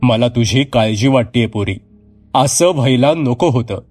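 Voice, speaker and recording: A man's voice: medium pitch, unhurried, darkish tone, breathy edge, soft background music. A man voicing an older village mother who speaks in a weary, tender way and breaks into alarmed cries. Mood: fearful.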